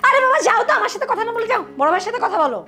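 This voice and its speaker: A woman's voice: sits high, very animated, fast, fairly bright tone. An actress playing a nagging young wife who scolds her husband about his mother. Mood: scolding. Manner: scolding, complaining, threatening to leave. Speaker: younger daughter-in-law. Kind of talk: village TV drama acting.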